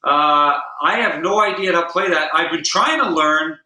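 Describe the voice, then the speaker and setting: A man's voice: a little high, moderate pace, sharp tone. A man guest-hosting a podcast, chatting casually and easily with fillers. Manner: easygoing, rambling with fillers. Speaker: guest host and guitar player. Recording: roomy echo.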